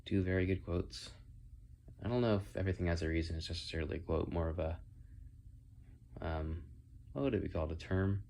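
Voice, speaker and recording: A man speaks in a deep, low register with noticeable whistling on his s sounds. He talks casually on his own, thinking aloud and wandering from one thought to another. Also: fairly quick, vocal fry, pauses often, dark tone, slight background noise. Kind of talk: casual rambling solo monologue. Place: indoors in own room.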